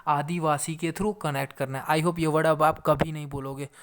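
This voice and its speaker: A man's voice: on the high side, little pitch movement, normal speed, clear, resonant tone. A man teaching exam vocabulary in a mix of Hindi and English, explaining patiently and repeating key points. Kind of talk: Hinglish exam-prep vocabulary lesson.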